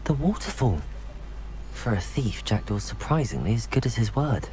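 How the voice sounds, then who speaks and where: A man playing a young wizard student in a video game, curious and composed, musing to himself in measured, scripted lines. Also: on the low side, very animated, over music, rough recording.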